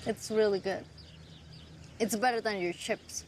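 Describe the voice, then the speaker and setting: A woman's voice: medium pitch, fairly even intonation, measured pace, a little hiss or hum, natural voice. An actress in her twenties with a Colombian accent, playing a playful young woman teaching a visitor to pronounce words. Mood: chatty. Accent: Colombian Spanish. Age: 20s. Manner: teasing, patient, laughs easily. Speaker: lead character. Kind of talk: film dialogue.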